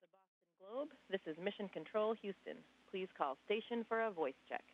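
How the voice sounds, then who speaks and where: A woman's voice: medium pitch, lively intonation, normal speed, phone-quality sound. A woman working as a mission control communicator, making formal, clipped procedural calls over a radio link. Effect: radio transmission. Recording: band-limited radio link.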